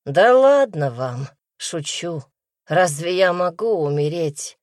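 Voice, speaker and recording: Woman reading as a young fire-spirit hero in a storybook, joking but tender, voice kept low and unhurried. His lines come close and dry, with little room around them. He leans wry when he teases his friends and soft when he says his love's name. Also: very animated, no room sound.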